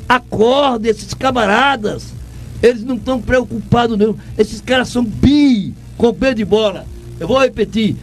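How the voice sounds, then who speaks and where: The audio is poor, with a little hiss or hum, and the man's voice is very high at a moderate pace. He's an older radio host and former sports reporter from Pernambuco whose Northeastern Brazilian accent carries an indignant, repetitive, emphatic rant.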